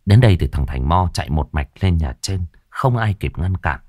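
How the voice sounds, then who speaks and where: A man narrating a horror story in a lively, vivid way. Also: moderate pace, no room sound, clean studio sound. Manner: lively, vivid telling with varied pitch.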